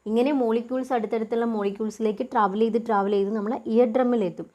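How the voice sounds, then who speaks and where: A young woman teaching a lesson. She poses questions and answers them herself, and reads English definitions out slowly. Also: a little high, fairly even intonation, dull audio. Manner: asks and answers her own questions. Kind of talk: lecture explaining a topic.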